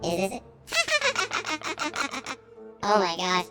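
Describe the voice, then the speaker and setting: A man putting on a high, giggly falsetto voice that swoops up and down. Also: very animated, measured pace, in a large hall, music in the background.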